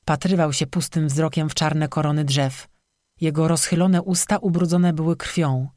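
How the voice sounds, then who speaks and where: An audiobook narrator reads a dark tale at a steady, measured pace. The voice sits at a middle pitch and is recorded close and dry, with no room around it. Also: no room sound.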